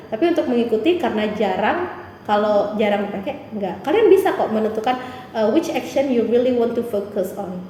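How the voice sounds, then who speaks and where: A woman English teacher with a Palembang accent, giving encouraging, animated answers in an interview. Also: on the high side, a little hiss or hum. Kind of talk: explanatory interview answers mixing Indonesian and English. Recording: echoey hall.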